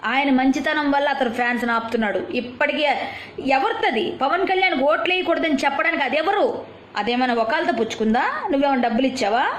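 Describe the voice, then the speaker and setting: Speaking high and at a quick pace, a woman who comments on videos scolds a rival in a furious, confrontational outburst, peppering it with rhetorical questions. There's a roomy echo on the recording.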